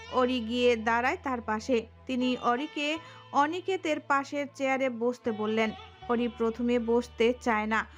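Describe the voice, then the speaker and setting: High-voiced woman narrating a romance story. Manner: expressive, storytelling.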